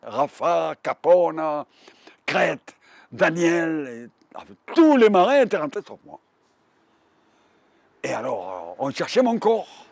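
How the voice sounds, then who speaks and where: A man's voice: on the high side, very animated, slow, creaky, long pauses, dry recording. A man in his nineties with a Marseille accent, telling his wartime memories vividly, with frequent repetitions. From Provence, France. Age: 90s. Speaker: war veteran witness. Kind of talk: oral history testimony.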